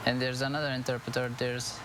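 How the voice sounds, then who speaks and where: Man from afghanistan being interviewed, halting, lots of uh and you know, faint hiss behind. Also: medium pitch, little pitch movement. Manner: halting, many fillers, emotional. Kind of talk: news interview.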